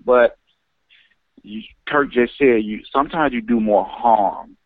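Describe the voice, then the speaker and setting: A man phoning in to a radio talk show, earnest and often pausing with "um". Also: medium pitch, no room sound. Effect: heard over a phone line. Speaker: caller. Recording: tinny, dry phone line.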